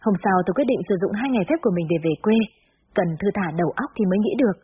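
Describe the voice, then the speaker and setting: A woman narrating a story aloud in the first person, in steady storytelling manner. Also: mid-range voice, racing. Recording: slightly dull recording with faint hiss.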